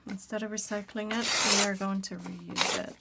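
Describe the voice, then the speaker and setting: Raspy-voiced woman, casual crafting host, soft-spoken, drifts into whispers. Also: mid-range voice, fairly even intonation, moderate pace, very noisy. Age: adult parent.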